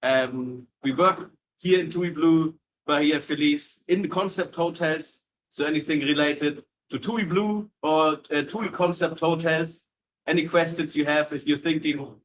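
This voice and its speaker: On a low-quality recording with slight background noise, a man from Germany runs a friendly, casual live Q&A on hotel entertainment jobs. He speaks unhurriedly in a slightly high, fairly bright voice, filling his talk with fillers and restarts and repeating words as he reads comments.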